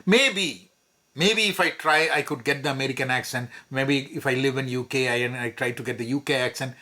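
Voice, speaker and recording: Fairly quick and pushed, with a bright mid-range voice, a middle-aged man from Kozhikode in Kerala talks through his thoughts in a casual vlog. His Malayali English accent comes through as he mixes Hindi and English, stopping to restart and dropping in fillers.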